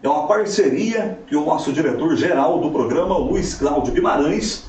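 A man in his thirties hosting a live show in a casual way, giving shout-outs. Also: a little high, animated, moderate pace. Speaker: TV show host. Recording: echoey, distant mic, faint noise.

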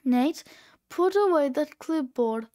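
A woman's voice: high voice, animated, slow pace, a little mellow. Mrs. Godfrey, a woman doing a scolding teacher. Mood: exasperated. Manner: scolding, exasperated. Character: stern female schoolteacher, easily exasperated.

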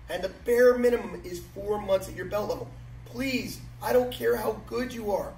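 A man's voice: high voice, normal speed, vocal fry, a little mellow. Emphatic male instructor in echoey gym. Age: middle-aged. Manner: emphatic, repeats key phrases. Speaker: martial arts instructor. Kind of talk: instructional talk to students. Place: large matted martial arts gym, indoors. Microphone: camera several metres away. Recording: echoey hall, distant mic, background noise.

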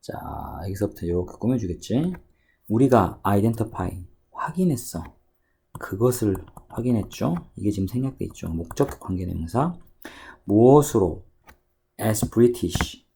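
A man teaching English at a cram school, walking through an exam passage by reading English phrases slowly and then explaining them. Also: on the low side, lively intonation, gravelly, mellow, breathy edge. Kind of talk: exam passage walkthrough lecture. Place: cram school lesson recording.

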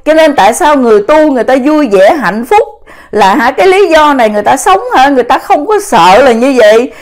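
A woman's voice: high-pitched, sing-song, fast talker. A woman giving a casual spiritual talk, chatty and full of fillers, often calling out to her viewers. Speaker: spiritual vlogger.

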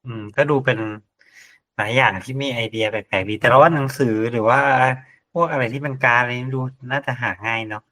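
A man's voice: medium pitch, a little fast, pushed and bright, no room sound. A man co-hosting a casual Thai podcast, musing as he reads out a list of suggestions. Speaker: podcast host. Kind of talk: casual chat.

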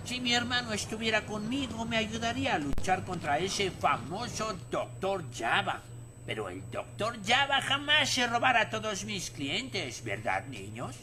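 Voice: mid-range voice, sing-song, a little slow, background noise. An actor voicing a kindly, wistful older shopkeeper in a cartoon dub, with a Latin American accent. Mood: pleading.

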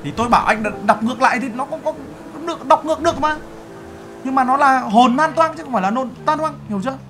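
A man's voice: extremely high pitch, very fast, fairly bright tone, soft background music, pitched above the performer's own voice. A man role-playing a boastful overseas-company boss in a game, brash and teasing. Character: boastful male overseas-Vietnamese CEO. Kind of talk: game role-play banter.

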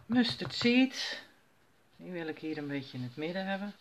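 A woman's voice: fairly low pitch, expressive, normal speed. A woman at home giving a casual crafting tutorial, chatting herself through each step as she works. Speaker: crafter demonstrating stamping. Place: at home while her children sleep.

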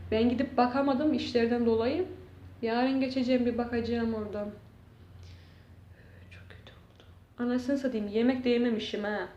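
A woman YouTuber with a slightly high, warm voice vents in a casual vlog, exasperated and swearing as she shows the damage to her room. The audio has a dull, echoey room sound.

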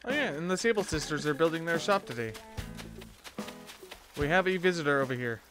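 A man's voice: fairly high pitch, lively intonation, fairly quick. A young man casually commenting while playing a video game, joking and laughing to himself. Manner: joking, laughs between lines. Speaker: streamer. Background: game music.

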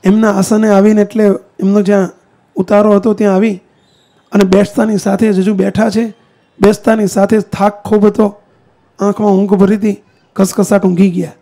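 A man delivers a sermon, pitched high with a gravelly edge to his voice. He speaks straight to his listeners, throwing them questions and challenges as he preaches. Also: level tone, moderate pace, mellow. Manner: addresses the congregation directly with questions and challenges. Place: temple hall.

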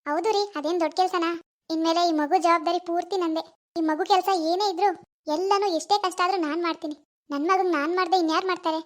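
A woman voicing a fussy, chatty young mother in a cartoon, who coos softly to her baby. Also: extremely high pitch, fairly even intonation, fast talker. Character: young adult woman, new adoptive mother, doting. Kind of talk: animated cartoon voice acting.

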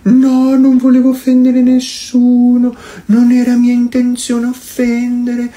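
A priest voicing an over-apologetic, fawning man who begs forgiveness in a mocking, whiny falsetto. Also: monotone, takes it slowly, dark tone. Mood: groveling.

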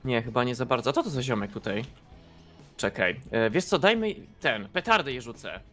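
A young man giving excited co-op gameplay commentary, often bursting into laughter. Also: mid-range voice, fairly quick, soft background music. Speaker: gaming YouTuber.

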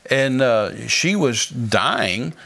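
A man's voice: mid-range voice, lively intonation, drawn-out words, creaky, bright, forceful tone. A male guest minister earnestly telling a dramatic testimony in conversation.

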